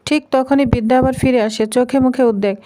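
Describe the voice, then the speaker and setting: A woman giving a scripted, steady recap of a TV serial episode, reading the characters' lines aloud in her own plain voice. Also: high-pitched, fairly quick. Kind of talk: scripted narration.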